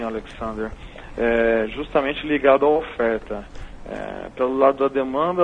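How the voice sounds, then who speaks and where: Brazilian man on a phone call, measured analytical talk, dull muffled line, faint hiss behind. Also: medium pitch. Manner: measured, analytical, tags points with "né?". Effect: heard over a phone line. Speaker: market analyst guest. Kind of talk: explaining market figures on a call-in interview.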